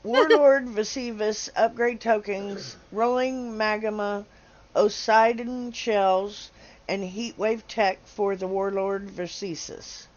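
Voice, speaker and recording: Slow, chatty woman hosting a stream. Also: mid-range voice, fairly even intonation, dull audio. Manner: chatty, laughs often, stumbles over names. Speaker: livestream host. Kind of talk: casual game livestream commentary.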